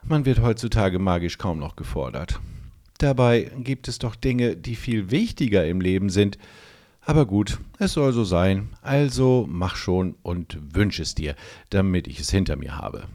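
A man's voice: sits low, lively intonation, measured pace, dark tone. A man voicing a tiny, pompous male gnome who grants wishes, reciting magic rules in a fussy, officious way. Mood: smug. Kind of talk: audiobook role reading.

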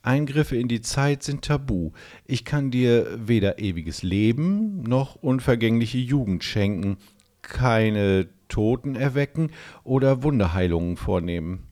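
A small, self-important wish-granting gnome from a storybook, put on by a male reader, raised high and pushed loud above his plain voice. He rattles off his rules in a fussy, officious way, his voice swinging up and down. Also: lively intonation, measured pace, close to an everyday voice. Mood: sheepish. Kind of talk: audiobook role reading.

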